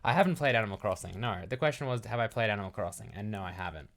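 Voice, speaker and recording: A man's voice: lowish voice, animated, racing, a bit bright. A young man chatting casually on a live stream, answering chat questions in a rambling, frank way full of fillers.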